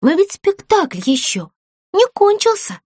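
A woman's voice: very high-pitched, very animated, a little slow, no room sound, studio quality, pitched above the performer's own voice, full character voice. A woman voicing a cheerful, hopeful doll girl who rallies her friends.

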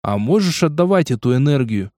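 A man's voice: mid-range voice, sing-song, a little fast, darkish tone, no room sound, clean studio sound, lightly acted. Man reading an exasperated young game player. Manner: blunt, exasperated questioning.

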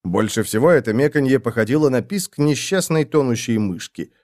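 A man reading a fantasy audiobook in the first person, expressive narration. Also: medium pitch, a little fast. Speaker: audiobook reader.

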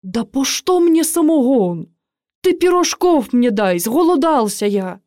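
A woman's voice: sits high, slow, no room sound, studio quality, pitched above the performer's own voice, exaggerated voice. A woman doing a cheeky young orderly. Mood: wheedling. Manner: hushed urgency, wheedling when flattering.

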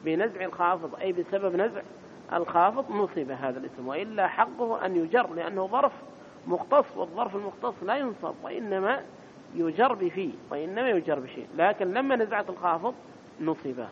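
A man's voice: animated, brisk. A man giving a grammar lesson in a mosque, repeating key terms and quizzing his listeners with short questions. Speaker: teacher of Arabic grammar. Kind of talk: classroom lecture explaining grammar. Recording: dull lo-fi recording with faint rumble.

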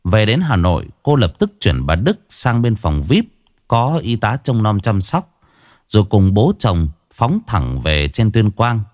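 Expressive male ghost-story narrator, lively. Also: lowish voice, a little slow, no echo, clean studio sound. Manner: expressive, dramatic reading.

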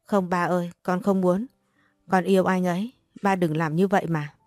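A desperate young wife who pleads and argues, read by a woman in her own lowish voice. The sound is dry and close, with faint music behind. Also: steady tone, moderate pace, a little mellow, dry recording, natural voice. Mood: pleading.

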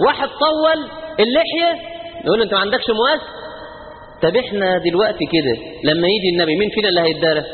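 Egyptian male preacher, fervent sermon, high voice, tinny lo-fi line, long hall reverb. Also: lively intonation, rapid-fire. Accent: Egyptian Arabic. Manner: fervent, rising to loud emphatic peaks. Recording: tinny phone-like sound, long hall reverb, faint noise.

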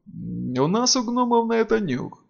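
A man reading an audiobook, voicing a blunt, grumbling male gnome in a folksy way, with a gravelly tone on a lo-fi recording. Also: high-pitched, sing-song, measured pace, pitched above the performer's own voice, full character voice.

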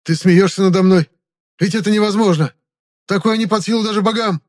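Brief: spoiled young nobleman in a tight spot, high and shrill, blustering and begging, a man voicing him. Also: fairly quick, a little mellow, close to an everyday voice. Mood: pleading. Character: panicking arrogant young male noble captive.

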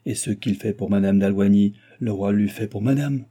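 A man reading an audiobook, voicing an excitable, scheming nobleman with a theatrical, insinuating manner. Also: fairly low pitch, moderate pace, lightly acted.

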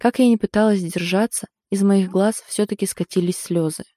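A woman narrating a novel in the first person with a steady, expressive reading. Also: medium pitch, moderate pace, no echo, studio quality. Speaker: audiobook narrator.

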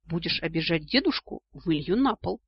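A man doing a sharp-tongued young dragon heroine. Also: on the high side, very animated, moderate pace, breathy edge, dry recording, exaggerated voice. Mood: sarcastic. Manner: sharp, sarcastic retorts. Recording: dull lo-fi audio.

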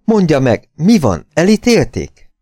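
Guy doing a young woman in an audiobook, high and pleading, pushes hard, dry sound. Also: lively intonation, darkish tone, clean tone, dry recording, natural voice. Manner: pleading, insistent. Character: young woman, resolute and anguished.

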